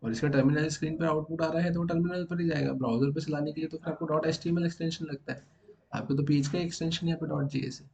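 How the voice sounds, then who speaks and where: A man's voice: fairly high pitch, steady tone, fast talker, creaky, a little mellow, a little hiss or hum. A man teaching a programming class to students in the room, explaining step by step and often asking whether everyone has understood. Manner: explains step by step, keeps checking if students follow. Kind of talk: classroom coding lecture.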